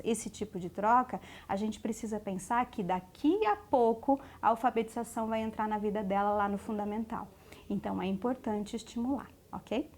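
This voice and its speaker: A Brazilian woman speech therapist explaining children's speech development to parents, checking in often with tag questions and slowing down for warnings. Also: on the high side, darkish tone. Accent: Brazilian Portuguese. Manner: slows to stress warnings. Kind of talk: educational talk to parents.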